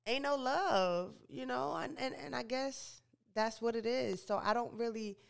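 A woman's voice: on the high side, measured pace, vocal fry, smooth. A young woman hosting a podcast and radio show, giving casual, opinionated entertainment news commentary and often correcting herself. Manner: chatty, opinionated, frequent self-corrections and stumbles.

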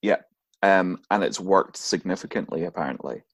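A man with a lowish voice tells a story to his co-host in relaxed chat. He laughs often as he goes, and the sound is dry and close with no room echo. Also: moderate pace, slightly rough. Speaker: podcast co-host. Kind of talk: casual chat.

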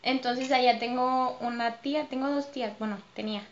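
A woman with a Mexican accent, a dancer and choreographer, telling stories as a podcast guest in a lively way, laughing often. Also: high voice, fairly quick, lo-fi sound, a little hiss or hum. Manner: lively, laughs often, acts out her own past remarks. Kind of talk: casual interview storytelling.

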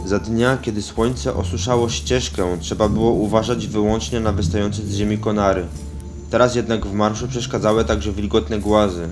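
A man narrating a scripted story in an even, measured reading. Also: fairly low pitch. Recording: music underneath.

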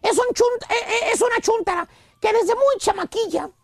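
A Mexican man hosts a radio comedy bit in a very high, gravelly voice. He tells the story with animated swings, shouting some lines and slowing right down on others for effect. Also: no echo, studio quality. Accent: Mexican Spanish. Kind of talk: comic storytelling routine.

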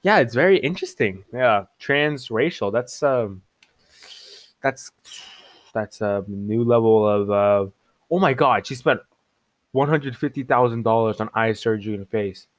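Excitable young man mocking in disbelief. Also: medium pitch, a little slow, no room sound. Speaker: online commentator. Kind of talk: casual reaction commentary.

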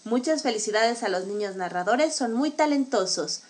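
A woman with a fairly high voice hosts a live children's storytelling program. She reads viewer messages aloud and praises the young narrators in an upbeat way. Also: lively intonation, moderate pace, darkish tone.

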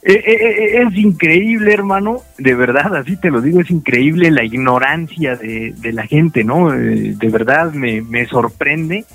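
A man's voice: a little high, lively intonation, measured pace, hardly any pauses, a bit bright. A man with a Mexican accent co-hosting a radio show by phone, bantering casually and emphatically in slang.

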